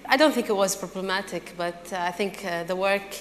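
A woman's voice: mid-range voice, brisk, a little hiss or hum. A young woman student on a panel, speaking thoughtfully and a little hesitantly. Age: young adult. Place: stage in a large event hall. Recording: hall reverb with faint ambience.

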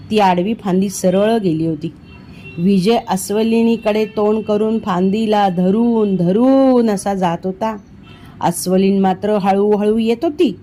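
A woman from India reading a children's storybook aloud, performing the dialogue with lively expression. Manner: expressive, voices the dialogue with rising pitch in tense moments. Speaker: audiobook reader. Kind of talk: storybook narration.

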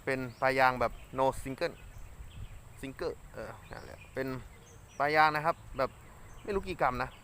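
A chatty man reviews gear in a relaxed outdoor vlog, muttering asides to himself between explanations. His voice sits at an ordinary middle pitch, recorded on a camera mic that sometimes drifts away from him. Faint birdsong and open-air ambience hang behind. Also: unhurried, pauses often, a little hiss or hum. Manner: chatty, talks to himself while casting. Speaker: fishing vlogger. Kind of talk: casual product review vlog. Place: outdoors by the water.

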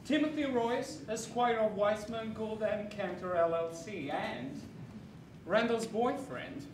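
Man playing a condescending male lawyer, deliberate speech, noisy echoing stage, distant mic. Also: high-pitched. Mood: snooty. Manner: haughty, condescending. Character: pompous uptight male lawyer boyfriend. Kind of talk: stage musical acting. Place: theater stage. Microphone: far room mic. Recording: echoey noisy stage from far off.

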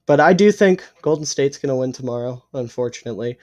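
A young man co-hosting a casual sports podcast, opinionated and swearing freely, a little hoarse and clearing his throat. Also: mid-range voice, animated, quick pace, darkish tone. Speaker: podcast co-host.

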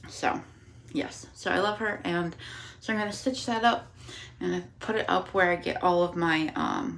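Woman, tired and a bit breathless, gravelly low voice, faint background noise. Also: poor audio. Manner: chatty, rambling, many ums. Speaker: cross-stitch vlogger. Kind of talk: casual chat to camera. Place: home room with windows open.

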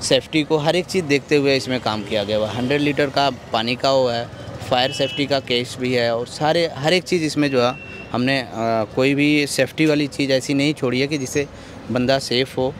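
Outdoors at a roadside in Gorakhpur, Uttar Pradesh, India, a food cart owner answers interview questions into the interviewer's handheld microphone. His medium-pitched, fairly even voice is polite and halting, full of filler phrases and mixed with English words. Traffic makes the street recording noisy.

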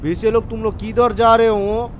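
Joking male co-player, high voice, faint noise behind. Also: level tone, normal speed. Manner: joking, name-calling. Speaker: fellow player.

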